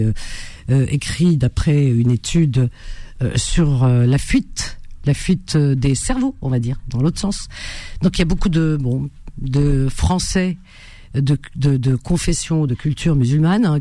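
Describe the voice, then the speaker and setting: A woman hosting a radio call-in show, chatting casually and reading an article aloud, halting with many fillers and restarts. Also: low voice, dark tone, no room sound.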